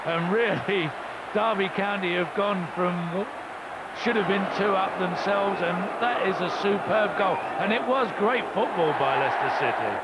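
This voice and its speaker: A man's voice: high-pitched, moderate pace. A man giving conversational co-commentary on a football match, reacting to and explaining the play. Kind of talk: live football punditry, conversational. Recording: very noisy, loud stadium crowd. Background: noisy football crowd.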